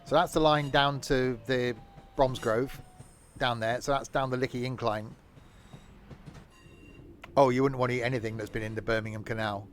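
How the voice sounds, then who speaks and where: A man's voice: mid-range voice, fairly even intonation, normal speed, pauses often, a little hiss or hum. Chatty sarcastic man streaming a train game. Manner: chatty, self-mocking sarcastic asides. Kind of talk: live game stream commentary.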